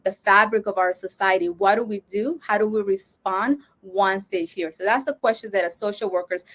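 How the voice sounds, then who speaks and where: A woman from Honduras gives an earnest lecture to social workers, her pitch sitting in a middle range. She thinks aloud as she goes, with many fillers and restarts. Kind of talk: educational talk to social workers.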